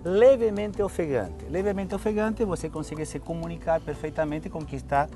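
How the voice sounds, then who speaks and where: This Argentine fitness instructor speaks fairly quickly in a slightly high voice, with an Argentine Spanish accent. Friendly in his explanations, he frequently tags "tá?" onto the end of phrases. The clip is a TV studio interview and demonstration recorded with music in the background.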